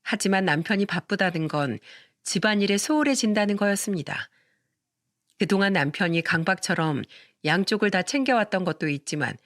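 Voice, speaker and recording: A woman's voice: medium pitch, fairly bright tone, no room sound, studio quality. A woman telling a story in the first person in scripted narration, confiding and asking the listener questions.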